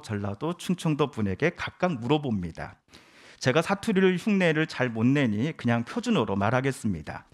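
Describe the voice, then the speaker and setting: A middle-aged man preaching a Sunday sermon, who reads scripture slowly and then tells stories, putting on voices for the people in them. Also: a little high. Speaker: pastor.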